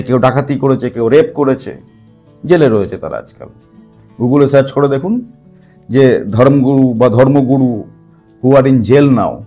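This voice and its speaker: A man's voice: mid-range voice, darkish tone. A man giving a spoken commentary to camera, emphatic, with rhetorical questions, repeated phrases and English words mixed in. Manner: mixes English words into speech. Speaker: spiritual talk host.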